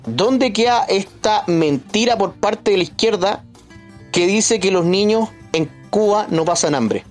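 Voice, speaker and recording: A man commenting as a guest in a podcast discussion, emphatic and deliberate. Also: high voice, faint music behind.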